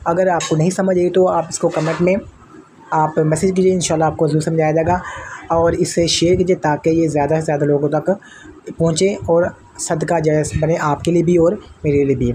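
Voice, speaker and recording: A man with a high voice leads a spoken lesson on Quran recitation, breaking his chanted examples into slow steps. He explains patiently and keeps posing questions to his students, then answering them himself. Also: little pitch movement, warm tone, husky.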